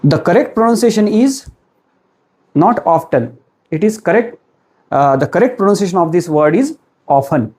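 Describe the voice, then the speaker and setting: A man with an Indian accent and a high, expressive, slightly mellow voice gives a classroom-style English pronunciation lesson. He mixes Hindi and English and quizzes the viewer, speaking in a slow, deliberate way.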